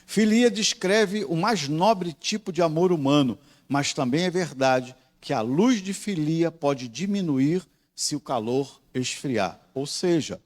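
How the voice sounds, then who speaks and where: Brazilian pastor guy teaching bible class, voice a bit high, explains step by step and keeps checking everyone's following. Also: lively intonation. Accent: Brazilian Portuguese. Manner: slows down and stresses key words.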